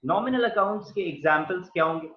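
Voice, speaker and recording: A man's voice: high-pitched, fast talker. Man teaching accounting in an echoey room. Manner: explains patiently, calls students "beta", writes on board while talking. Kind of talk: classroom lecture. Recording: echoey dull lo-fi room sound.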